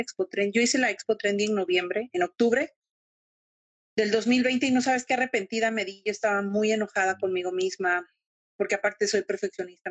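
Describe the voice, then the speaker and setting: This middle-aged woman, whose accent is Mexican Spanish, has a medium-pitched, slightly rough voice. As a guest in a casual video-call interview, she recounts her story emotionally and animatedly, with no echo on the audio.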